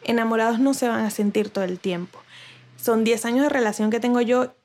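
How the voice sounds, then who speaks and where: Chatty woman vlogger, fairly high voice. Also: a little fast, darkish tone. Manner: chatty, asks viewers rhetorical questions; frequent restarts and fillers. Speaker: vlogger giving relationship advice. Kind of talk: casual chat to camera.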